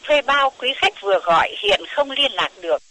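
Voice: high voice, fairly quick. A woman voicing a phone network's recorded operator message. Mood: formal. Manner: flat, formal announcement. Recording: hissy telephone line.

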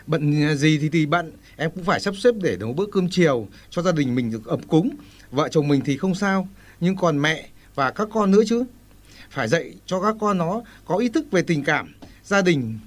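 Man as a preachy middle-aged husband, fairly high voice. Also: expressive, normal speed, close to an everyday voice. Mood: earnest. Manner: earnest, lecturing. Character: earnest, lecturing family-man husband.

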